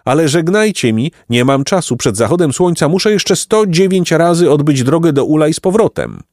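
A man voicing a tiny, hardworking female bee with a high, buzzing voice and a brisk, impatient manner. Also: animated, darkish tone, no room sound, clean studio sound. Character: busy tiny female bee, curt, industrious.

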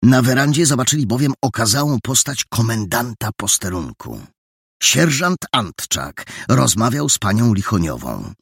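A man's voice: medium pitch, normal speed, creaky, husky, dry recording, clean studio sound. A man narrating an audiobook, expressively, voicing every character. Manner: expressive, many character voices.

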